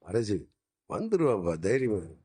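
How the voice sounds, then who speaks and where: A man's voice: lowish voice, very animated, a little slow, dark tone, breathy edge, heavily acted. An actor playing a middle-aged father in a TV serial, firm and reassuring toward his worried family.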